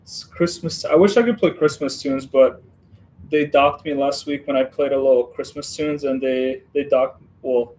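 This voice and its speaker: Chatty man hosting a relaxed livestream. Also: mid-range voice, moderate pace, slight background noise, poor audio. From Western Ukraine. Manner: chatty and rambling, talks to viewers while building. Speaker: livestream host building a model set. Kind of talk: casual livestream chat.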